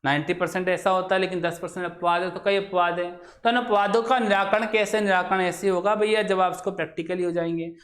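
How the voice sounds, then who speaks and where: A man teaching Hindi grammar in a classroom lecture. He asks the class questions, answers them himself, and says example words over slowly to show how they sound. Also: sits high, steady tone, fairly bright tone.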